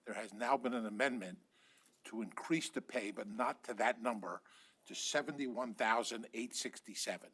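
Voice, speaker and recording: Husky, bright low-voiced man explaining. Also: moderate pace. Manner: methodical, spells out amounts. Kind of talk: explaining a vote procedure.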